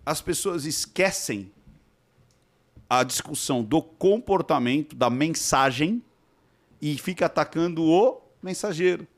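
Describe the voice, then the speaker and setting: A man's voice: a little high, expressive, unhurried. A man, a podcast guest and expert who explains things didactically and keeps checking that he is understood. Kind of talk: explanatory conversation.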